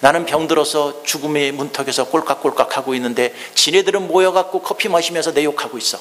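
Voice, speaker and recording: A man's voice: on the high side, quick pace, a little hiss or hum. Male pastor, Sunday sermon, plays the mockers in quotes; long hall reverb. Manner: acts out mocking enemies in quoted speech; repeats key phrases, swings between loud and hushed. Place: church sanctuary.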